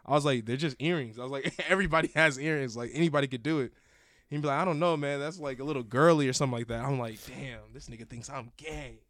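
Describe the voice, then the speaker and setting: A man's voice: medium pitch, a bit bright, dry recording. A man co-hosting a podcast, bantering and teasing in a casual chat, telling stories about kids at school. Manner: joking banter, quick quips. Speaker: podcast co-host; school staff.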